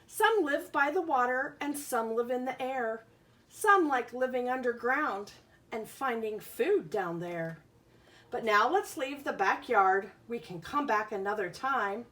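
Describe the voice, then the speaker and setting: Pitched fairly high and a bit bright, this woman's voice moves at a measured pace with lively intonation. In a children's lesson, she reads a picture book aloud, keeps explanations simple, poses questions, and carefully stresses each letter and word she sounds out.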